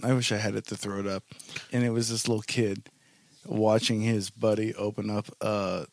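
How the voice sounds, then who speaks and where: A man's voice: on the low side, level tone, moderate pace, creaky, darkish tone, no echo. A man co-hosting a casual podcast, telling stories in a bro-like manner and acting out quotes. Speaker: podcast co-host.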